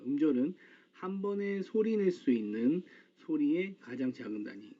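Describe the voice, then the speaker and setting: A male teacher giving a calm, explanatory grammar lecture in casual, informal speech. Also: on the high side. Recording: slightly dull lo-fi recording.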